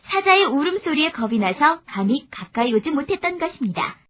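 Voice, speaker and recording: Bright-voiced woman narrating fables. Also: high voice, sing-song, fairly quick. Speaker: storyteller.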